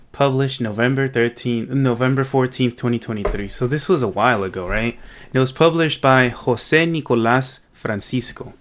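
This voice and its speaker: Male tech host, casual unscripted walkthrough, medium pitch, informal, thinking aloud. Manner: informal, thinking aloud, often checking in with "right?". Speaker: host of a coding project video series.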